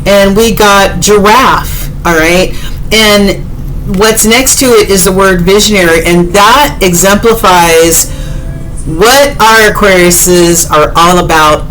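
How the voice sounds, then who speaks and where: A woman's voice: lowish voice, slow pace, fairly bright tone, soft background music, poor audio. A woman, chatting directly to viewers in a casual tarot reading, with many fillers. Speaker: tarot reader.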